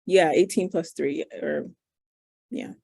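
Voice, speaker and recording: A woman's voice: deep voice, takes it slowly, creaky, warm tone, no echo, studio quality. A woman in her twenties, a medical student, answering interview questions over a video call. She speaks casually, thinking aloud with fillers. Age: 20s.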